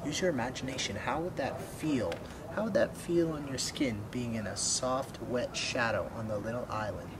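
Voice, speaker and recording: Outdoors by a wooden fence, a young adult man reads a children's storybook aloud expressively, adding asides and questions for young listeners. His mid-range voice moves at normal speed with hardly any pauses, over clearly noisy outdoor ambience.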